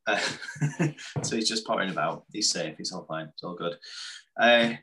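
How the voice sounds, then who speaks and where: A man's voice: low voice, normal speed, background noise. A man co-hosting a casual podcast, talking in a thoughtful, meandering way full of restarts. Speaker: co-host and coach.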